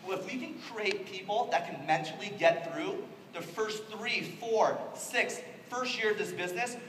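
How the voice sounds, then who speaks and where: A man giving an animated motivational training talk to a room, acting out the people he quotes. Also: sits high, a little hiss or hum. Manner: animated, quick-talking, acts out quoted people. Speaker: network marketing trainer. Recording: echoey hall from far off.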